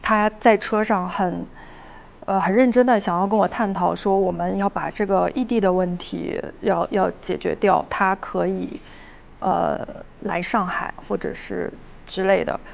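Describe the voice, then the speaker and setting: A woman chatting on a watch-along panel, speaking hesitantly and thoughtfully with many pauses. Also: mid-range voice, steady tone, gravelly, muffled recording. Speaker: reality show cast member on a watch-along panel. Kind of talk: casual chat.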